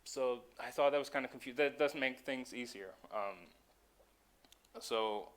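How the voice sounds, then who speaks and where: A man's voice: mid-range voice, measured pace, clear, resonant tone. A man from Denmark, giving a conference talk with frequent ums and self-corrections. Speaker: conference speaker.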